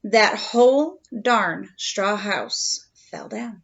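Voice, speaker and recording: A dull home recording carries a storybook wolf as a woman reads him aloud. The wolf is folksy and indignant, forever pleading innocence in a very animated, conversational delivery with theatrical emphasis. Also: mid-range voice, extremely slow, vocal fry, heavily acted. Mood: mock innocent. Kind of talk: read-aloud children's storybook narration in first person.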